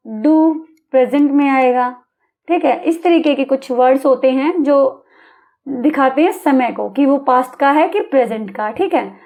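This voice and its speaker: Female teacher, high-pitched, patient and repetitive with young students. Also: a little mellow. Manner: patient, repeats and checks understanding with questions. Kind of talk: exam-prep English lesson for children.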